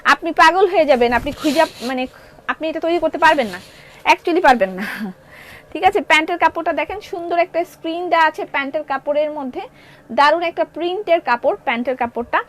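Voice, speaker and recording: Chatty high-voiced Bangladeshi woman seller. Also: fairly quick, fairly bright tone. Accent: Bangladeshi Bengali. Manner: chatty, reads viewer comments aloud, mixes in English phrases. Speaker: online clothing seller hosting a live sale. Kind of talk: live-stream sales chat.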